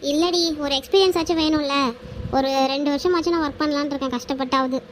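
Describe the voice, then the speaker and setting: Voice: high voice, steady tone, fast talker, a little hiss or hum, natural voice. [name], a performer doing a tearful young office woman. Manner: whiny, sobbing, keeps saying she is fine. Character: crying young woman office worker, teased at work. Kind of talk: Tamil slang chat, cartoon voice acting.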